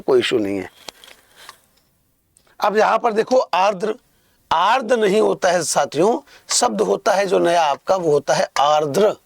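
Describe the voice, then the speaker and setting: Male tutor, young, slightly high gravelly voice, dry close sound, patient and repetitive explainer. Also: no room sound. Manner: explains patiently, repeats key points, calls students "pyare bachchon". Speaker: Hindi exam-prep teacher. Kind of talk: online exam-prep lesson.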